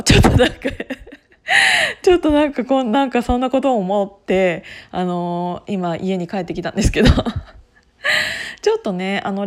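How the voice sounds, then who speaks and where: A woman at an everyday middle pitch talking casually on her own podcast. She rambles in a chatty, unscripted way, full of fillers and quick little laughs. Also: a little mellow. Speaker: podcast host. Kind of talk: casual solo talk.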